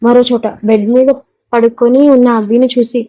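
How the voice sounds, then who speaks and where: A woman narrates an audio story in a steady, even manner. Her voice is mellow and soft, and the pitch stays flat and fairly high. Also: normal speed.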